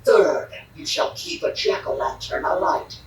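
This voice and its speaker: A man's voice: unhurried, lightly acted. A man voicing an ominous spirit from beyond in a Halloween audio drama, with a solemn, menacing delivery. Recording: echoey, distant, noisy.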